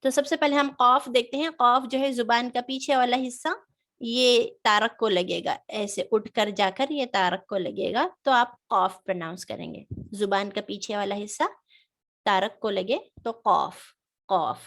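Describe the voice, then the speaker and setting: A woman's voice: on the high side, fairly bright tone. Patient woman teaching letter sounds. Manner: patient explaining, many fillers, demonstrates sounds slowly. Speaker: Quran reading teacher. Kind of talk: online tajweed lesson.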